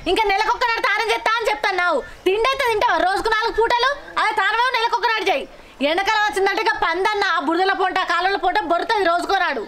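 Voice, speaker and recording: A woman's voice: very high voice, very fast, heavy background noise. An actress with a Telangana accent playing a village wife who scolds her husband with earthy insults, in a comic short film. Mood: scolding. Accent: Telangana Telugu. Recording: loud background music.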